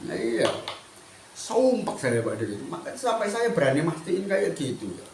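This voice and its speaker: A man giving a chatty, animated spiritual talk as a teacher. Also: a little high, normal speed, reverberant, slight background noise. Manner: animated, mixes Indonesian and Javanese, chatty asides. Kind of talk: spiritual talk, addressing listeners.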